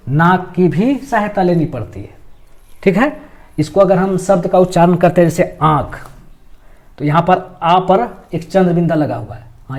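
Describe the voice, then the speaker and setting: A man with a fairly high voice teaches a grammar lesson. He explains each step, comes back to each point, and poses questions that he then answers. He draws out letters and sample words slowly to show how they should sound. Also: a little mellow.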